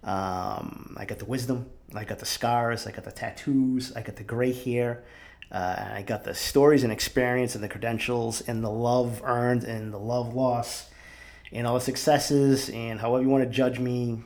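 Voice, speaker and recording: A man's voice: medium pitch, fairly even intonation, moderate pace, a little mellow. A man in his forties from Boston, hosting a solo podcast in a candid, reflective and profane way. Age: 40s. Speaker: podcast host.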